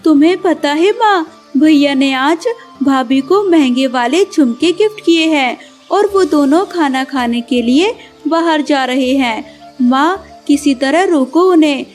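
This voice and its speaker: A woman's voice: sits high, lively intonation, unhurried, darkish tone, soft background music. A woman voicing a jealous young female bird in a cartoon, complaining urgently.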